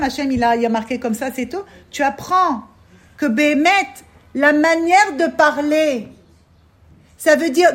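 A woman teaching a religious class to other women, talking lively and asking many rhetorical questions. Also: high-pitched. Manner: lively, asks rhetorical questions, checks in with "d'accord?".

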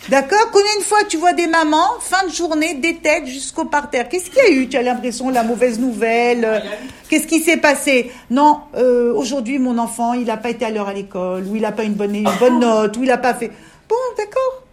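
A woman's voice: high voice, animated, a little fast. A woman leading a women's religious discussion, coaxing her listeners and often checking that they understand. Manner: coaxing, keeps asking "you understand?".

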